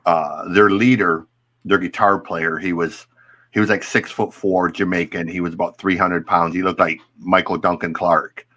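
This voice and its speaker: Podcast host guy, laid back storytelling, lowish voice. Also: moderate pace. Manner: anecdotal, relaxed storytelling. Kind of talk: casual podcast chat.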